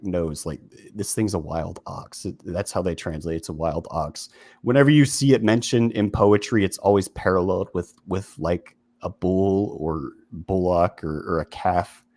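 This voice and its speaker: A man's voice: sits low, a little mellow, dry recording. A man hosting a video essay in casual commentary, talking informally with lots of fillers and restarts.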